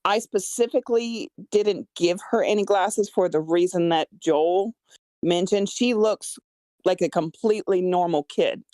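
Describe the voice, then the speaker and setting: On a dry recording, a woman with a lowish voice and dark tone talks at a measured pace. As a screenwriter in a casual feedback session about her own script, she explains her choices hesitantly, stammering often.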